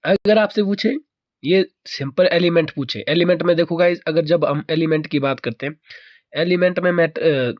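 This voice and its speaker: A man's voice: on the high side, moderate pace, no echo. Dry close-miked male chemistry teacher. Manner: repeats key answers as questions to the viewer. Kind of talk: exam-prep chemistry lesson.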